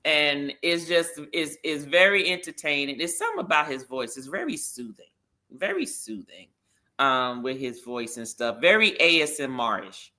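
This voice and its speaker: Bright-voiced man in casual chat. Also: on the high side, moderate pace. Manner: animated, emphatic, laughs often. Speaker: podcast co-host.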